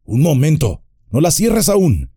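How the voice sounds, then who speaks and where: A man voicing a grave, commanding old male wizard in an audiobook, solemn and measured, turning urgent. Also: fairly high pitch, very animated, dark tone, husky, dry recording, studio quality, pitched above the performer's own voice, exaggerated voice.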